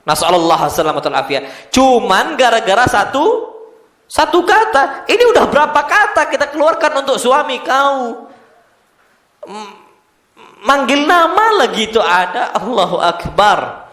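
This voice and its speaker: Male preacher, high voice, animated mosque sermon full of rhetorical questions, echoey hall. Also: normal speed. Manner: lively preaching with rhetorical questions to the women present. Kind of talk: lecture in a mosque.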